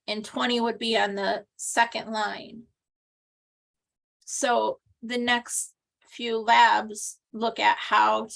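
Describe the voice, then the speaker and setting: This instructor's voice is fairly high, creaky, and rather bright. She walks through an online class step by step on a video call, in a recorded session full of ums and restarts.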